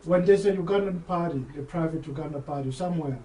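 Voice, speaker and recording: A man's voice: on the high side, fast, dark tone, a little hiss or hum. A man who works as a DJ, talking in a casual interview, hesitant and often repeating words while he thinks. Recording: roomy sound, voice far from the mic, faint background ambience.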